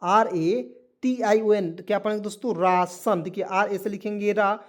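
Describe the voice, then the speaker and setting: A man's voice: high voice, fairly even intonation, normal speed. A man teaching a spoken language lesson to viewers, spelling words letter by letter and asking them repeated quiz questions.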